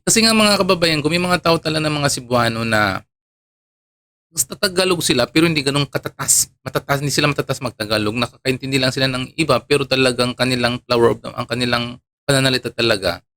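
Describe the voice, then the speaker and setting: A fast-talking online commentator from Palawan, Philippines, speaks in a mid-range voice that comes across pushed and bright. He gives casual commentary to his viewers, chatting freely, chuckling often, and using plenty of fillers.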